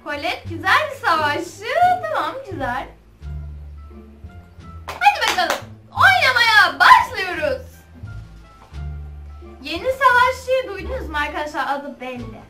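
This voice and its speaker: A young woman chatting excitedly over her gameplay as a channel host, shrieking and giggling as she plays. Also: very high voice, far from the mic. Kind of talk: casual gameplay commentary. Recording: echoey room, off-mic, game music behind.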